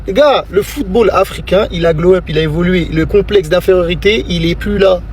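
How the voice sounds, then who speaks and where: Fast-talking man, insistent and direct. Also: sits high, a little mellow, slight background noise. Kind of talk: casual vlog commentary.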